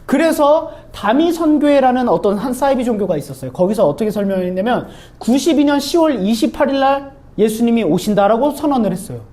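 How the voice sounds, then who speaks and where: A woman in her thirties, a pastor, preaching a casual sermon in a lively, joking storytelling way. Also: fairly high pitch, a little fast, few pauses. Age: 30s. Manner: lively, joking, acts out quoted voices.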